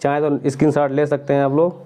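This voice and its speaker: A man's voice: a little high, flat delivery, fast talker, dark tone. A man teaching a Hindi grammar lesson, asking questions and answering them himself while he drills pairs of syllables.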